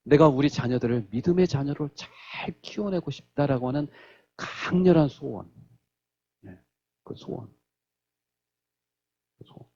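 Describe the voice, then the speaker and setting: A man's voice: mid-range voice, measured pace, gravelly, pauses often, lo-fi sound. A male pastor preaching a sermon in a church, telling stories and acting out the quotes. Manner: animated storytelling, acts out quotes.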